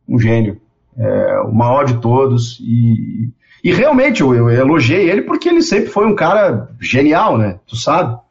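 A man, telling stories in a casual interview, animated and repeating words as he goes. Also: medium pitch, unhurried, gravelly. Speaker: guest. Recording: dull lo-fi sound.

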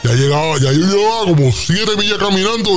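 A man, co-hosting a morning radio show and telling a comic story with slang and dramatic pauses. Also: high voice, lively intonation, faint music behind.

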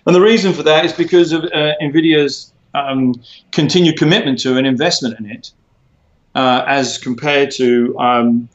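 A man being interviewed, explaining at length in a measured way with frequent fillers and restarts. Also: medium pitch, steady tone. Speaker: interview guest, former tech executive. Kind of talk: conversational interview. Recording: roomy, dull lo-fi sound.

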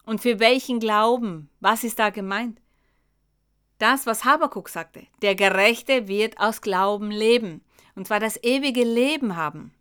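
Female preacher, slightly high and crisp, slow deliberate sermon delivery. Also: a bit bright. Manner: slow, emphatic Bible exposition addressing the congregation. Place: church.

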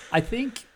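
A man co-hosting a casual podcast chat, giving measured, thoughtful answers. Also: a little hiss or hum. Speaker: podcast co-host.

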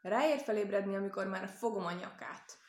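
A woman's voice: medium pitch, natural voice. A woman reads as a sly storybook fox, smug and greedy, muttering his plans. An echoey room surrounds the voice.

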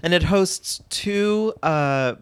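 A man's voice: sits high, extremely slow, clear, resonant tone, no echo. A man in his thirties telling frank stories in a casual chat, laughing often. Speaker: podcast guest.

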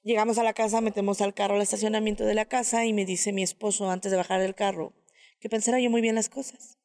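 A woman recounts a personal testimony in a casual storytelling style. She speaks hesitantly and often pauses to search for words. Her voice sits at a middle pitch, and a long reverb lingers behind it. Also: flat delivery, a little mellow. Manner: hesitant, many filler pauses. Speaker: guest sharing a personal testimony.

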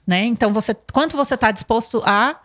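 A woman's voice: on the high side, brisk, a bit bright, no room sound, studio quality. A woman from Brazil hosting a podcast, chatty and confiding, often tagging questions onto her sentences. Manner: chatty, many "entendeu?" tags. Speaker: host. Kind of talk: casual podcast chat.

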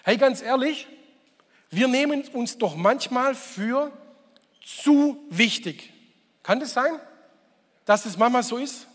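A man with a very high, expressive voice preaches a Sunday sermon as pastor, speaking slowly with long pauses. He talks conversationally, asks the congregation questions and repeats key phrases for emphasis, and his words trail off in a long reverb tail.

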